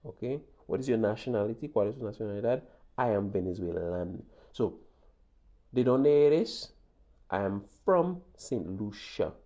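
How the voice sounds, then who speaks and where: A man with a lowish, warm, animated voice teaches a Spanish lesson at a normal pace, the audio sounding lo-fi. He patiently works through examples, repeats points, and keeps checking in with "okay?"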